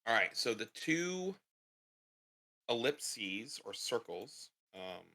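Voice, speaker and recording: Bright-voiced man running a tabletop game. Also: mid-range voice, big pitch swings, slow. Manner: casual, filler-heavy, thinking aloud. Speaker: game master. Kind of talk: narrating a tabletop game on a stream.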